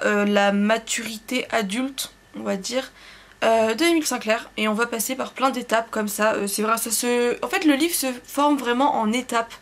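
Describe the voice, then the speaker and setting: A young woman reviewing books in a casual vlog, rambling and hesitant, full of fillers and self-corrections, and quick to poke fun at herself. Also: fairly high pitch. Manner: self-deprecating, laughs at herself. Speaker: book vlogger.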